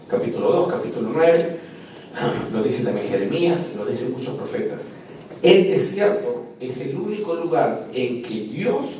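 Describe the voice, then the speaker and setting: A man's voice: medium pitch, mellow. Lecturing man in an echoey hall. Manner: emphatic, asks the class rhetorical questions. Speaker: lecturer on biblical texts. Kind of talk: classroom lecture. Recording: echoey room, distant mic, faint noise.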